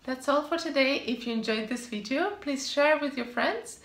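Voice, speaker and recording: Her voice is high-pitched and fairly bright, moving at a normal speed as she delivers scripted living-abroad tips to camera. The upbeat vlogger is emphatic and keeps repeating brief, punchy answers, recorded in an echoey room with faint ambience.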